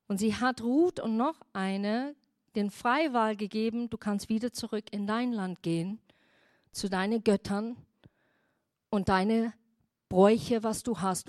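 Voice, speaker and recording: A woman pastor giving a sermon who retells Bible stories in a lively, emphatic way. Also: on the high side, no echo, studio quality.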